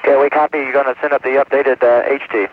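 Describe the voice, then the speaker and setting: A man's voice: mid-range voice, level tone, racing, no room sound, faint music behind. A shuttle crew member, a man, talking over a breaking-up space radio link, tersely reading back each call. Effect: breaking up space radio transmission. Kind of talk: clipped radio call-and-response. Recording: dull lo-fi archival radio loop.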